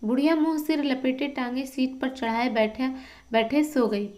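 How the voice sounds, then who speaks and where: A woman's voice: high-pitched, steady tone, normal speed, a little mellow. A woman teaching Hindi literature who reads a story aloud and stops to explain it for exam students. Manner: reads a passage, then stops to quiz and explain.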